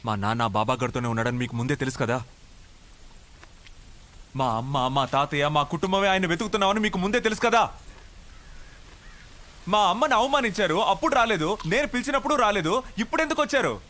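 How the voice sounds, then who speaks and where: A frustrated young son argues and pleads earnestly. His voice sits high and sounds bright and forceful as he keeps insisting in this dubbed film. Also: animated, a little fast, pauses often. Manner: earnest and pleading, often exasperated.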